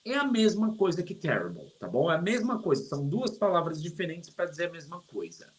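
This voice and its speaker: A middle-aged man with a Brazilian Portuguese accent gives a casual online English lesson. He keeps it lively and joking. He slows right down on English words to show how they are pronounced. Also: a little high, rough recording. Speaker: English teacher.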